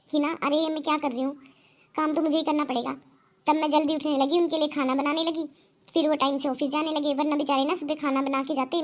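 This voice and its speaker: A woman's voice: high voice, natural voice. Woman voicing a lecturing cartoon mother. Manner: lecturing, scolding. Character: middle-aged mother, firm and lecturing. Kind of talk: cartoon voice acting.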